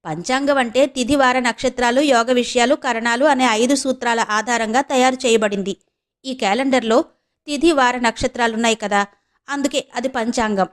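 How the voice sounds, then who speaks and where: A woman's voice: a little high, steady tone, normal speed, natural voice. Brief: joking know-it-all husband in an audio novel, voiced by the woman narrating, lecturing tone. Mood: playful. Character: middle-aged husband, know-it-all and playful.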